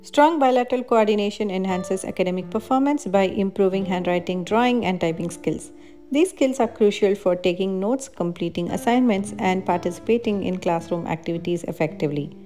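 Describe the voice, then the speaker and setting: A woman with a mid-range voice narrates a parenting activity video a little fast, reading a scripted voice-over that explains activities step by step. Her delivery of the benefits is even and explanatory, with faint guitar music behind her.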